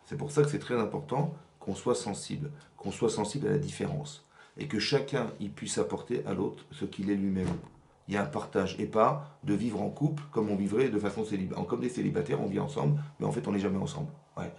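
Fast-talking gravelly rabbi teaching. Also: male voice, lowish voice, roomy sound, a little hiss or hum. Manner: animated, asks "vous avez compris?" often. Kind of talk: religious lesson to women. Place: rented workshop room.

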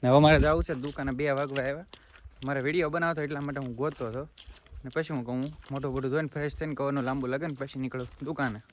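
A man's voice: medium pitch, steady tone, racing, slight background noise. A man, chatting casually as a family vlogger and calling his viewers brother. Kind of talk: casual vlog chat. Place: outdoors, then a shop.

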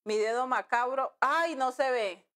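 A nail art instructor leads a live-streamed class, her high-pitched, fairly bright voice moving a little slowly. She's chatty, reading her viewers' comments aloud and calling them "amiga" and "mi amor."

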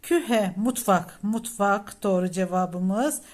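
Slow, careful woman teacher. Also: mid-range voice, a little mellow. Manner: reads each option aloud, then gives the Turkish meaning. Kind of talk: exam prep lesson walking through test questions.

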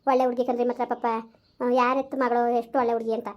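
A woman's voice: a little high, flat delivery, quick pace, dull audio, close to an everyday voice. A woman playing a wailing old village mother. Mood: fond. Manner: scolding, lamenting, coarse village talk. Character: grieving elderly village mother, scolding and wailing. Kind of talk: amateur village skit acting.

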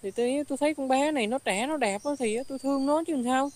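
A woman voicing a cheating middle-aged husband, hurried and scornful. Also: high-pitched, darkish tone, pitched above the performer's own voice, lightly acted. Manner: hurried, then blunt and scornful.

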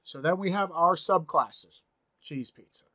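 A man's voice: a little high, unhurried, pushed and bright. A man in his forties giving a screen-recorded coding tutorial from a home office, thinking aloud as he types, upbeat and chatty. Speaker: programming instructor.

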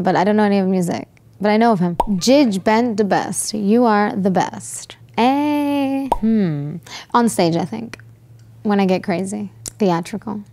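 A woman's voice: medium pitch, darkish tone. A young woman, a singer from the United States, chatting casually in a studio interview on a lapel mic, bubbly and chatty with lots of fillers and easy laughter. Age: young adult. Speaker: guest pop singer. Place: studio with green and purple backdrop.

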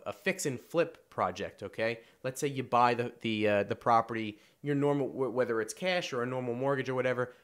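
Nasal-sounding man explaining finance casually. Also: medium pitch. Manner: conversational, repeats himself with fillers and restarts. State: nasal from a cold. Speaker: finance video host.

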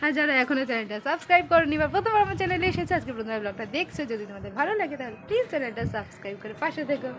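A woman's voice: sits high, expressive. Chatty young woman vlogging. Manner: fast, chatty, teasing family asides. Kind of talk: casual home vlog chat. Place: family home kitchen and garden.

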